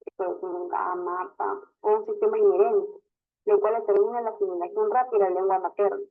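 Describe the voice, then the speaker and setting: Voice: medium pitch, steady tone, brisk, gravelly. Teacher, online lecture, patient step-by-step explaining, questioning tags, tinny phone-like audio. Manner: explains step by step, constantly adds a questioning tag.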